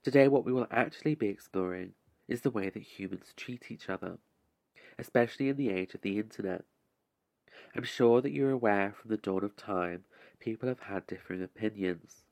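A man hosting a scripted relaxation podcast, speaking in a measured, deliberate way with arch, formal phrasing and dry wit. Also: fairly low pitch, a little mellow, no room sound. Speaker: podcast host.

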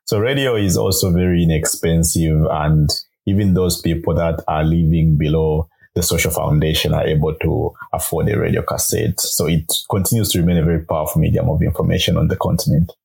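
A young man from Zambia speaks as a guest on a podcast. His voice sits very low and comes out husky. He explains at length in an earnest, upbeat way. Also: little pitch movement, fairly quick, warm tone. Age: young adult. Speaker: guest, grad student and radio producer. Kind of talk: podcast interview.

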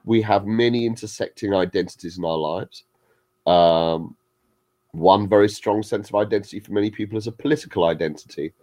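A man speaking in a measured, articulate way. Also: fairly low pitch, dark tone. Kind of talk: measured commentary.

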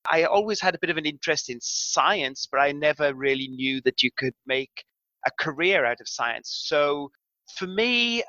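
A man's voice: a little high, pushed and bright, no room sound, highs cut off. A middle-aged man from South Wales, a guest scientist explaining ideas in a thoughtful, self-deprecating way. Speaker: guest astrophysicist. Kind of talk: relaxed explanatory interview talk.

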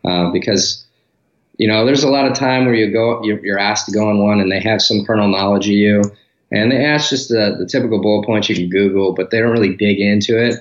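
Relaxed, candid male guest from Detroit; low voice, echoey, slightly muffled home-office audio. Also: fairly quick. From Detroit, Michigan, US. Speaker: podcast guest. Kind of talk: casual interview talk. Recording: roomy, dull remote audio.

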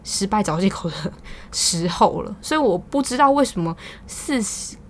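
A young woman with a Taiwanese Mandarin accent hosts a podcast, telling a story as she vents casually and with exasperation, swearing now and then. Her pitch is medium, her intonation lively, and her pace moderate.

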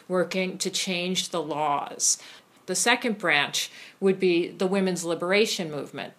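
A woman professor explains history in a calm, academic manner. Her voice sits a little low for a woman. She speaks in an interview setting. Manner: measured, academic.

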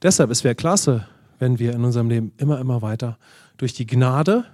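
A middle-aged man preaching a sermon, telling stories in a lively, animated way and often asking "ja?" and saying "Amen". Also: medium pitch, brisk, no echo, studio quality. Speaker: pastor. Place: church hall.

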